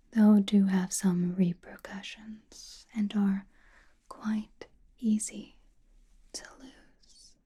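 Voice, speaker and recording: Woman playing mysterious powerful witch, breathy whisper, even low-key intonation, knowing, teasing, ASMR roleplay. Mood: knowing, measured. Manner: slow, intimate, knowing, gently teasing.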